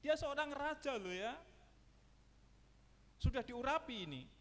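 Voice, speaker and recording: Slow-preaching man in a reverberant church. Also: lively intonation, fairly bright tone. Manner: preaching with sweeping swings of pitch and volume, asking the congregation questions. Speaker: pastor. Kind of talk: sermon. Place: church hall.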